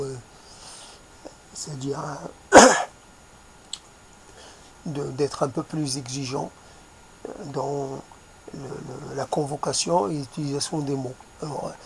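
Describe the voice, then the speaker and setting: A man with a noticeable accent, speaking softly in a reflective monologue, pausing often and searching for his words. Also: fairly high pitch, creaky, a little hiss or hum. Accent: foreign accent in French. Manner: hesitant, searching for words, many fillers; soft-spoken.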